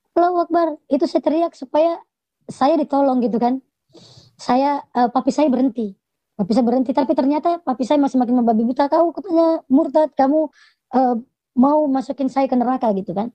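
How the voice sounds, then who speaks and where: A woman from Indonesia recounts her personal testimony with earnest emotion, filling pauses as she goes. Her voice is dark and sits a little high. The recording sounds dry and muffled. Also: no echo. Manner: earnest, emotional storytelling with many fillers. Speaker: testimony speaker.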